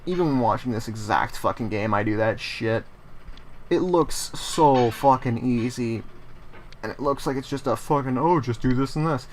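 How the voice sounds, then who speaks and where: This man's mid-range voice moves at a normal speed over a little hiss or hum as he delivers casual let's play commentary. He's easily frustrated, swearing heavily and ranting when things go wrong.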